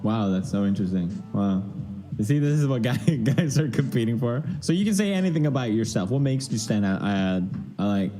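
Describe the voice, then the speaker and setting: Animated, sarcastic male reactor. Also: medium pitch, brisk, soft background music. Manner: sarcastic, mocking asides. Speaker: streamer reacting to a video. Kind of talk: video reaction commentary.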